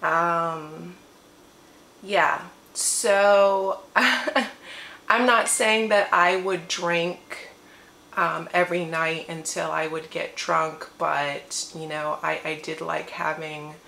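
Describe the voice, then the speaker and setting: In her morning voice, a woman talks extremely slowly to camera from her living room, giving a long-winded, rambling personal testimony. Her fairly low pitch stays steady, and her pushed, bright delivery carries vocal fry. A roomy echo and faint ambience surround her.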